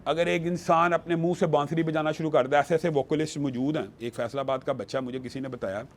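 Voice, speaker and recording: Man, fairly high voice, emphatic, argumentative, religious panel talk. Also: fairly even intonation. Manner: emphatic, argumentative, quotes scripture. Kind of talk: studio panel discussion.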